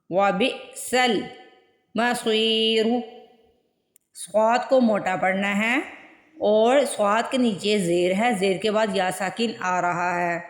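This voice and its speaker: A woman teaching Quran recitation step by step, patiently repeating words slowly to show pronunciation. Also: mid-range voice. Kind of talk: step-by-step tajweed lesson. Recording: echoey room with long reverb.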